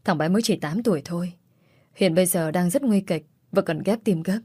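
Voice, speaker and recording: Woman doing a desperate young mum begging, tearful, low mellow voice. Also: fairly quick, husky, dry recording, studio quality. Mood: pleading. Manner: pleading, tearful. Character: desperate young mother begging for her son.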